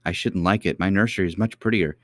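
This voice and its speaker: A man's voice: low voice, fast talker, no echo, clean studio sound, close to an everyday voice. A man voicing a timid little princess girl who stammers and hesitates. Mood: curious.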